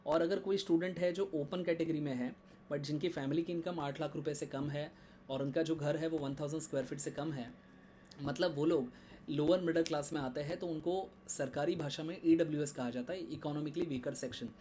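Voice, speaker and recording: A man's voice: a little high, fairly even intonation, brisk, mellow, slight background noise. A man giving a casual tutorial on admission paperwork, stopping often to check in with his viewers. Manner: conversational, code-switching in English, frequent "theek hai" check-ins. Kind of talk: screen-share explainer lesson.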